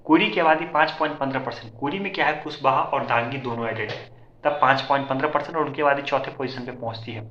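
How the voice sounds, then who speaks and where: Rapid, bright-voiced man. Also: mid-range voice. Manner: rapid, repetitive, keeps addressing viewers as friends. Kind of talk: informal explainer talk to viewers. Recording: echoey, slightly dull lo-fi audio.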